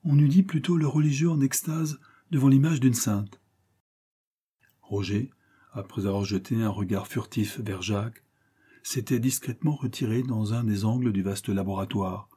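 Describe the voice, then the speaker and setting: Male narrator, husky and dark, measured storybook delivery. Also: mid-range voice, steady tone. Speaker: audiobook narrator. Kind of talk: scripted narration of a classic novel.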